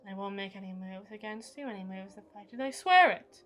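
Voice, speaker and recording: A woman with a mid-range, natural voice speaks a little fast as an unstable, brooding evil queen in an intense, theatrical audio roleplay. Her formal, dramatic monologue is grim and commanding, swinging between hushed and forceful.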